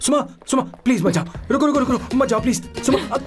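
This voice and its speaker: A lovestruck film hero. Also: male voice, very high-pitched, animated, fast talker, music in the background. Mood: pleading. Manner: emotional, pleading. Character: lovestruck young male hero. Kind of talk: Hindi film dub.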